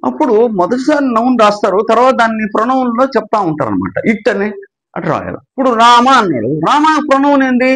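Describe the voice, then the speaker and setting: A man with an Andhra Telugu accent teaching English grammar, asking questions and answering them himself, and slowing down to dictate definitions. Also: extremely high pitch, a bit bright, poor audio. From Andhra Pradesh. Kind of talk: explanatory grammar lesson.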